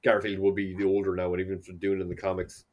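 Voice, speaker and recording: A man's voice: sits low, completely flat delivery, racing, a little mellow, lo-fi sound. A man from Ireland with an Irish accent, co-hosting a podcast in casual, joking chat full of asides. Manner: joking, chatty, talks through asides. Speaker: podcast co-host.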